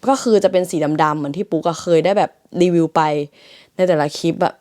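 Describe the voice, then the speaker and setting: A woman's voice: on the low side, quick pace, mellow. A young woman from Thailand chatting casually to her viewers in a vlog from her bedroom, loose and full of fillers. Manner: chatty, filler-heavy, addresses viewers as everyone. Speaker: vlogger. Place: her bedroom in a shared house.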